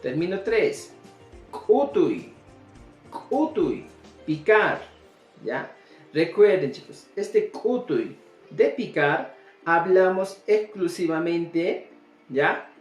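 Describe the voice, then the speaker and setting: Slow, lively-voiced teacher in a roomy room. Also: medium pitch, highs cut off. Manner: drills words slowly and checks in with "¿ya?". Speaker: language teacher. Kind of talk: recorded video lesson. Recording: roomy echo with faint background music.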